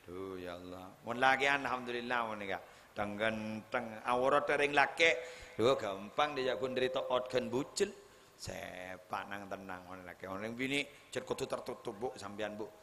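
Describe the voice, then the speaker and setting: A man preaching a humorous religious sermon at a wedding gathering, speaking with a Madurese accent, joking and teasing his audience, then rising to loud, emphatic preaching. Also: medium pitch, moderate pace, slight background noise. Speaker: Islamic preacher. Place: large hall at a wedding celebration. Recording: live hall sound with faint crowd ambience.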